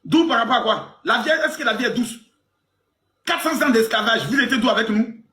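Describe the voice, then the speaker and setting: A man's voice: expressive, fairly quick, reverberant. Crude, teasing man in his forties. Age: 40s. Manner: crude, teasing, mock-indignant, swings loud and low. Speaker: live stream host. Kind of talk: provocative live stream banter.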